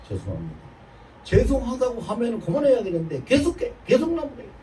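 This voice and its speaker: 70대 남성 목사의 설교, 온화하고 낮은 음색. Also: male voice, a little high, very animated, moderate pace, mellow. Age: 70s. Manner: confessional storytelling, earnest. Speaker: pastor. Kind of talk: sermon. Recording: distant mic, faint noise.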